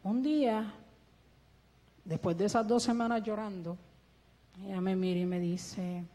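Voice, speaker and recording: A woman's voice: medium pitch, unhurried, mellow. A woman with a Puerto Rican Spanish accent gives an earnest church testimony and speaks with the help of a ventilator, acting out the dialogue as she tells her story. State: breathing with a ventilator. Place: church hall. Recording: long echo of a church hall.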